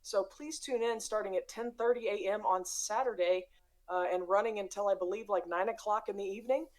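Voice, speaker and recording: Medium-pitched woman making casual announcements. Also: brisk. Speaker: player and channel announcer.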